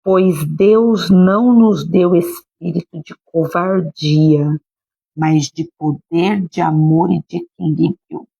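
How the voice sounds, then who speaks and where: Brazilian woman pastor preaching on a live stream, husky gravelly voice, dark and warm tone. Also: fairly low pitch, slow pace, dry recording, highs cut off. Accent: Brazilian Portuguese. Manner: earnest, emphatic preaching with direct address to listeners. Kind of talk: livestreamed sermon. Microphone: phone or webcam livestream.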